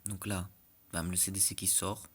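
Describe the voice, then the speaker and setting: Husky-voiced man joking through game replays. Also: low-pitched, flat delivery, moderate pace, a bit bright. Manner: joking, chatty, often asks "d'accord?". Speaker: clan war replay commentator. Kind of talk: casual gameplay commentary.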